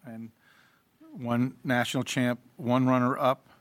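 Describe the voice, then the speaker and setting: A man's voice: mid-range voice, flat delivery, slow, no room sound. Man hosting a team event. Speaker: event host.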